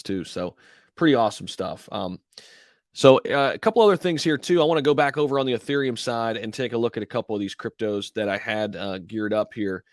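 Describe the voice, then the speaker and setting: A man's voice: lowish voice, dry recording, clean studio sound. A man hosting a crypto livestream with slangy, promotional crypto bro hype, talking casually to his viewers.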